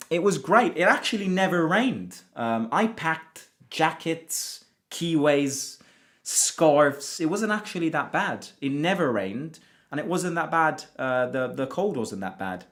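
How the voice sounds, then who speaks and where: With a fairly high, somewhat bright voice and a sing-song lilt, an Italian football fan channel host speaks slowly while chatting on a livestream and reading comments from his viewers. He restarts often, cuts himself off, and repeats words.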